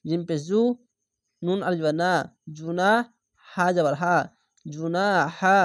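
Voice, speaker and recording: Man slowly spelling out Quran words. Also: sits high, steady tone, dry recording, studio quality. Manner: spells letters then draws out the whole word slowly. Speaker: Quran reading teacher. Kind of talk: spelling-out recitation lesson.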